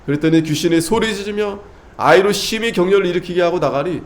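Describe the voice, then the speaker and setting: Emphatic pastor with a higher man's voice. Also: fast. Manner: emphatic, repeats key phrases; swings between loud exhortation and hushed asides. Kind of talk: sermon.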